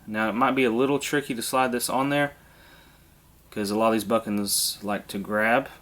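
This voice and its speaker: A man hosting a hands-on airsoft how-to, congested from a sinus infection, talking through each step in a relaxed, casual way. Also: medium pitch. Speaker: airsoft video host.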